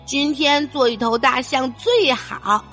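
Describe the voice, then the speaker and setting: A woman's voice: high voice, slow, fairly bright tone, faint music behind, heavily acted. A woman voicing a mischievous patchwork she-elephant with a sly, playful way of talking, in a storybook reading. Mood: cheeky.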